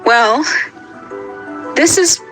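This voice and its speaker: A woman voicing a calm, reserved female creature in a fan cartoon. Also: sits high, drawn-out words, music in the background, exaggerated voice, rough recording. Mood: guarded.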